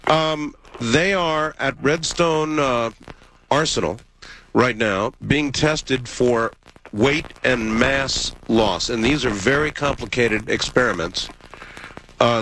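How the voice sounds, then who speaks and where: A man's voice: medium pitch, slow pace, a bit bright, slight background noise, low-quality recording. An American man hosting a casual radio call-in show, wry and dry-humoured, sick with a cold.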